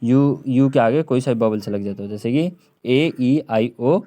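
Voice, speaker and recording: A man teaching an English lesson, repeating each word several times and often clearing his throat. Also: medium pitch, unhurried, dark tone. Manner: repeats words over and over, drawn out, with frequent throat clearing. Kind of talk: classroom lesson on silent letters.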